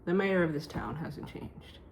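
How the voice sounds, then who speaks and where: A woman's voice: lowish voice, unhurried, a little hiss or hum. Chatty, emphatic woman vlogging at home. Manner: emphatic, animated and self-joking. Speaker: YouTuber and well-being researcher. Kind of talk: casual chatty vlog. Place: at home at night. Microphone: talking to camera.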